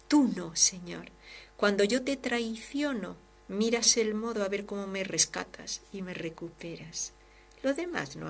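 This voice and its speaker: Religious sister, host, fervent and expressive, reads listener mail warmly. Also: female voice, mid-range voice, gravelly. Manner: fervent, expressive, swings from loud to hushed. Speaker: religious sister hosting a devotional program. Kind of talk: devotional talk and reading listener letters.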